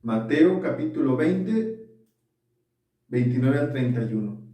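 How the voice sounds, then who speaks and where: A man's voice: medium pitch, animated, slow, mellow. A man preaching a sermon as pastor, earnestly checking his listeners follow along. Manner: earnest, often asks for agreement. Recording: echoey room, mic far off.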